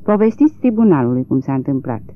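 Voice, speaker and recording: Un bărbat care dă glas unui judecător bătrân și fragil, neliniștit și ezitant. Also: male voice, medium pitch, very animated, no room sound, close to an everyday voice. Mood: weary. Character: old, frail, troubled country judge. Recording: tinny lo-fi narrow-band recording.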